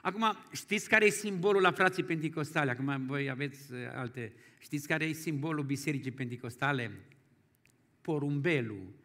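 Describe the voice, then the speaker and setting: A male pastor preaching a folksy storytelling sermon, moving from quiet asides to loud exclamations. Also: on the high side. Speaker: guest pastor.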